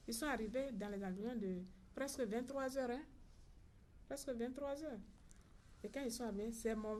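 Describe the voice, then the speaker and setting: Middle-aged Ivorian woman, slightly high voice. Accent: Ivorian French. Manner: recounts events by acting out reported dialogue. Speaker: bereaved mother at a press conference. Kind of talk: personal account at a press conference.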